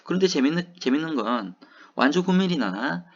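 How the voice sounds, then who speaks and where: Through a muffled recording comes a slightly high, somewhat rough male voice, animated and moderately paced. He's a man in his forties from Gyeongsang, South Korea, with a Gyeongsang Korean accent, lecturing and answering his own rhetorical questions.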